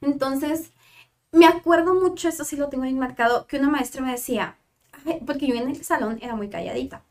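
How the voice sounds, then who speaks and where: In a casual interview, a young Mexican psychologist shares a personal story, animatedly acting out the dialogue she remembers. Her voice is high with a darkish tone, and she speaks a little fast.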